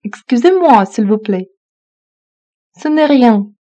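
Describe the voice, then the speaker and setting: A woman reads phrases aloud slowly, repeating each one evenly. Her voice is mellow and a little high. The recording sounds dull and lo-fi. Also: expressive. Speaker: French phrase reader. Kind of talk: slow repeated phrasebook reading.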